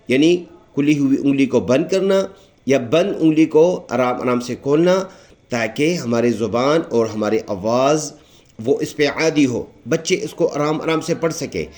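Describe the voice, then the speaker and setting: A man with a Pakistani Urdu accent giving a patient recitation lesson, explaining each letter and repeating it slowly and drawn out. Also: a little high, expressive, a little mellow. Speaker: Quran recitation teacher.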